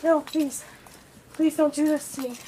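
A drunk woman with a strikingly high voice begs and sobs, her words repeating in tearful pleas. She is recorded from a police body camera with a faint hiss behind her. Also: steady tone, unhurried, warm tone, low-quality recording. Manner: pleading, begging over and over. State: intoxicated, crying. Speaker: arrested woman. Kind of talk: body cam encounter with police. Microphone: officer's body camera.

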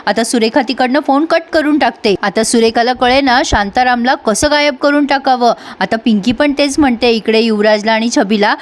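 A woman's voice: on the high side, normal speed, hardly any pauses. A woman reviewer recapping a serial episode in a chatty storytelling manner, addressing viewers directly.

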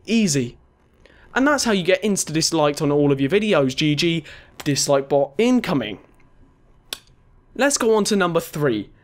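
A young male gaming YouTuber with a noticeably high voice talks through a countdown in casual commentary, sarcastic, crude, and swearing often. A dental retainer makes his words a little slurred.

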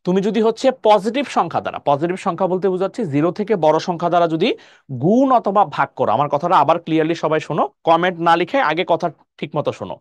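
A male math teacher with a Bangladeshi Bengali accent gives a live online lesson, his pitch rising and falling a great deal. He explains step by step and keeps checking whether the class follows. The sound is dry and close to the mic. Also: animated, racing, no room sound.

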